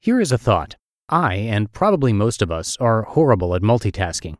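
Reading aloud an essay he wrote, a middle-aged Russian-accented man spins his story with wry self-mockery. He speaks lowish and very animated at a moderate pace, in a clean studio recording with no echo.

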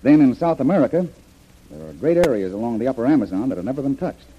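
An actor playing a hearty, fearless jungle adventurer in an old-time radio serial. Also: male voice, medium pitch, sing-song, quick pace, a little hiss or hum, natural voice. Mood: brisk, eager. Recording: muffled vintage radio broadcast.

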